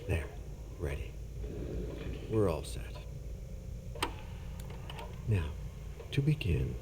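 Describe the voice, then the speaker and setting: An actor playing a calm man who guides someone through a vision, speaking in a measured, instructing way. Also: a bass voice, vocal fry, background noise, exaggerated voice.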